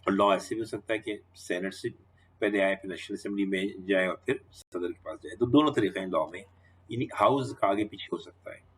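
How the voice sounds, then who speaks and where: A man's voice: fairly low pitch, fairly quick, breathy edge. A man giving a law lecture, walking students through each step and repeating questions back to the class.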